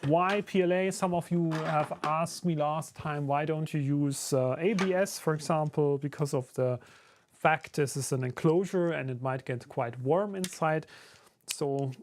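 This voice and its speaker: The German YouTuber's voice is on the high side and keeps a measured pace. He's a native German speaker using accented English on a live stream, building a 3D printed enclosure and fielding chat questions. His manner is easy and conversational, with frequent fillers.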